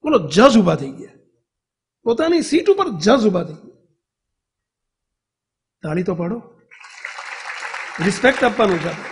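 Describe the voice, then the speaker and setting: A man with a Gujarati accent delivers a devotional sermon in a notably high voice. He tells stories and keeps turning to his listeners with questions. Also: sing-song, brisk. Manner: storytelling, asks the audience questions. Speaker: preacher.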